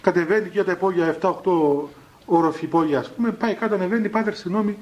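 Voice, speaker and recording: A middle-aged monk giving a spiritual talk to a live audience, telling anecdotes and acting out the dialogue with light laughter. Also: male voice, sits high, lo-fi sound. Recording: old cassette recording with faint hiss.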